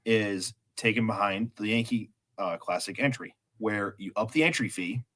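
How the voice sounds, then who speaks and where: Low-voiced man explaining haltingly. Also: sharp tone. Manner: halting, explanatory, many restarts. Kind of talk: casual chat.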